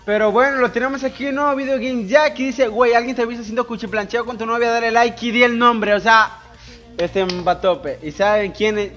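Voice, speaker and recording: A high-pitched young man from Ecuador doing a casual question-and-answer voice-over. He jokes loudly and crudely and swears a lot. Faint music plays behind him. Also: steady tone, fairly quick, lo-fi sound. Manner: boisterous, crude joking with lots of swearing. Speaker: YouTuber answering viewer questions.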